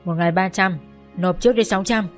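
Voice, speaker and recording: A woman voicing a gruff, bullying bar manager. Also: mid-range voice, fast, faint music behind, close to an everyday voice. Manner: gruff, threatening. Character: harsh male karaoke bar manager, bullying.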